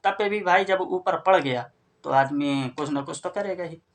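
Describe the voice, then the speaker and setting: A man's voice: a little high, moderate pace. Man telling a sad story casually. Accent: Hindi-speaking northern India. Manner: addresses listeners as friends, conversational retelling.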